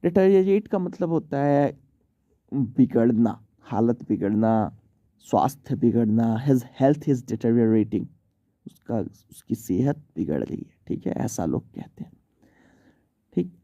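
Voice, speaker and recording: Chatty Hindi-speaking male teacher, dark-toned. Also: mid-range voice, big pitch swings, takes it slowly, no room sound, highs cut off. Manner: chatty, informal, often says "theek hai". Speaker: English teacher. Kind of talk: vocabulary lesson in Hindi.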